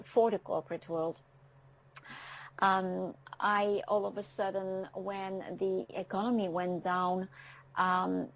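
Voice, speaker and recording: A woman's voice: mid-range voice, rough recording. A woman in her fifties from France, whose first languages are French and Dutch, speaking as a guest on an internet radio show. She talks in a reflective way and often stops to say "um.". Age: 50s. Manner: reflective, pausing often with ums.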